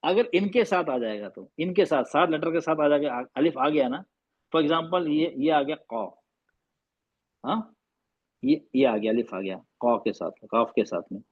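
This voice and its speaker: A man's voice: on the high side, animated, a little slow, breathy edge, no echo, muffled recording. A man teaching Arabic letter sounds in an online class, patiently repeating and drilling sounds, slipping English phrases into his talk. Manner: mixes English phrases into Hindi. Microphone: video call microphone.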